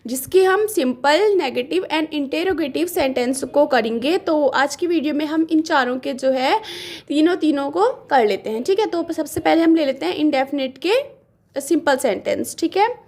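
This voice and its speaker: High-pitched female teacher, patient and repetitive, drawing words out slowly for a classroom grammar lesson. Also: lively intonation, darkish tone. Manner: patient, repeats words slowly while writing.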